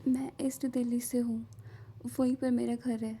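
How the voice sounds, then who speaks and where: A woman voicing a shy, polite young female schoolteacher who answers quietly and softly. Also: on the high side, level tone, normal speed, breathy edge.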